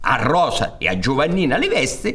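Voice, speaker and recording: Huge swings in pitch mark the medium, fairly bright voice of a storyteller and director in his sixties, who speaks at a normal pace with a Sicilian accent. On a theatre stage he dramatically recounts a folk tale, gesturing and asking rhetorical questions, picked up by a studio mic on a stand.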